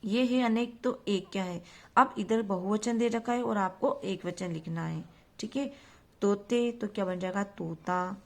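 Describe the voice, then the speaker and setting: A woman's voice: mid-range voice, a little slow, creaky. Woman teacher, patient and repetitive, asks and answers her own questions. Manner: mixes English words into her Hindi. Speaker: school teacher. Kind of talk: recorded online grammar lesson for young children.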